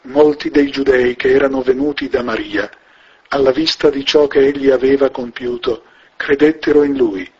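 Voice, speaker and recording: A man giving a solemn, measured scripture reading. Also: medium pitch, a little mellow, husky, muffled recording. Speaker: scripture reader.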